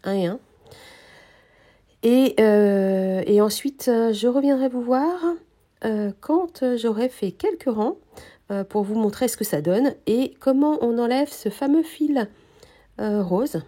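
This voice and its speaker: A woman teaching a knitting technique, explaining each step calmly with frequent hesitations, her voice slightly nasal from a cold. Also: on the high side. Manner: calm, hesitant explaining with many pauses. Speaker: knitting instructor. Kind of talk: knitting tutorial.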